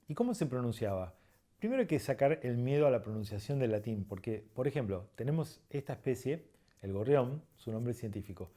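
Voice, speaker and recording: A man teaching a lesson, explaining step by step, repeating examples slowly and checking in with the listener. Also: mid-range voice, dark tone. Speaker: birding instructor.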